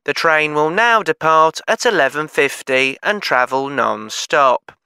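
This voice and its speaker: Male actor as a train station announcer, formal and measured, bright clear tone, dry studio sound. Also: on the high side, dry recording, full character voice. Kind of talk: scripted exam recording.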